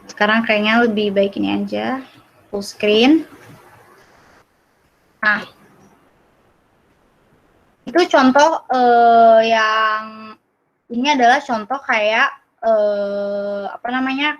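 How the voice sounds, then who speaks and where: A young woman with an Indonesian accent teaching a casual online Russian class over a video call, with fillers and apologies, repeating words slowly for learners. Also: medium pitch, muffled recording. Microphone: computer mic on a video call.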